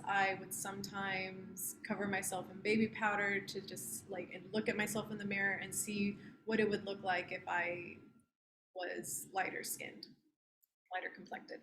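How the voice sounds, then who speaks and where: Woman in her 20s from southern Texas, casual earnest artist presenting over a video call, flat delivery, echoey room, noisy background. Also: mid-range voice. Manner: casual, earnest, many fillers. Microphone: computer mic on a video call.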